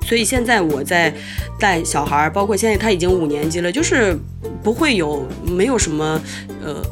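A woman's voice: on the low side, expressive, normal speed, music in the background. A woman in her thirties, a mother telling a story about raising her child in a chatty way, with many fillers and quoted dialogue. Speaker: mother sharing parenting experience. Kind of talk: casual storytelling.

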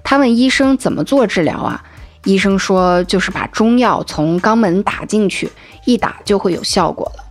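Female podcast host, calm scripted narrator, even and measured. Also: mid-range voice, faint music behind.

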